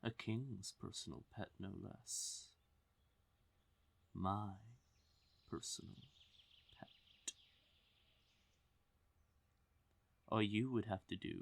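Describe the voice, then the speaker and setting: In a fantasy audio roleplay, a man plays a smug, possessive fae king, speaking intimately to the listener with silky menace as he teases and commands. His voice is low and gravelly yet fairly bright in tone, heavily acted, and very slow, with every phrase drawn out and long pauses between.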